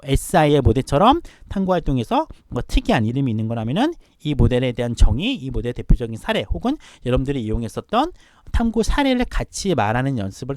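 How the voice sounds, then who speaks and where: Fast, lively male tutor lecturing. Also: fairly high pitch, no echo. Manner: brisk, rhetorical questions to students. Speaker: admissions tutor. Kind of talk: online lecture to students.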